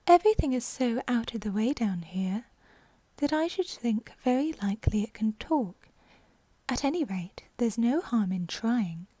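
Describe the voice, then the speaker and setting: Woman voicing Alice, a polite, high-voiced storybook girl. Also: lively intonation, measured pace, warm tone, slightly rough, dry recording. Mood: pondering. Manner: apologetic, eager, soothing. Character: polite, eager, chattering young storybook girl.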